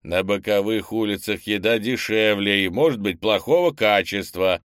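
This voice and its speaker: A thrifty old grandfather grumbles and lectures, voiced by a man reading aloud, his low voice raised and pressing. The sound is close and dry, with no room around it. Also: moderate pace, clear, resonant tone, dry recording, lightly acted. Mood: lecturing. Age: older. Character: stingy, practical old grandfather.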